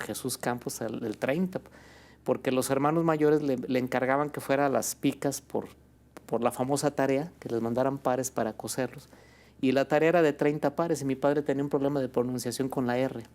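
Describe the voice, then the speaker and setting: A man with a Mexican accent, a guest on an interview show, telling a family story in a relaxed way, with many fillers like "este" and "pues". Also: mid-range voice. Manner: relaxed, fills with "este" and "pues", ends phrases with "¿no?". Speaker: guest, birria restaurant owner.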